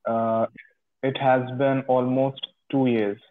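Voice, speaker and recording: A young Pakistani man, an English teacher practicing conversation, talks on a casual video call over a tinny line with his phone held close. His mid-range voice has little pitch movement and a slow pace. He's hesitant, giving short answers with many uh's.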